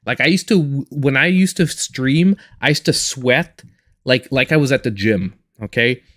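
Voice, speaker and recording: A man's voice: mid-range voice, a little slow, fairly bright tone. A man in his forties chatting casually and in a reserved way while he live-streams a game as host. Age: 40s.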